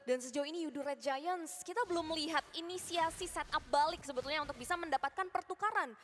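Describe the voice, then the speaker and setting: An Indonesian woman analyses a live game match as an esports commentator. Her voice sits high and she speaks quickly in long, flowing explanations. A long reverb hangs around the voice. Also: fairly bright tone, slight background noise.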